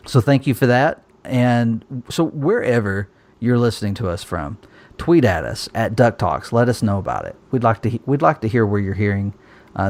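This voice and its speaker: A man's voice: on the low side, darkish tone. A man hosting a casual podcast, chatty and loose with frequent fillers. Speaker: podcast host.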